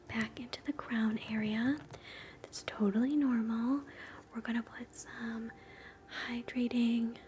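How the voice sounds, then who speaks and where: A woman whispering softly through an ASMR scalp-exam role play, chatting gently with live viewers between slow steps. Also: a little high. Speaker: ASMR livestream host.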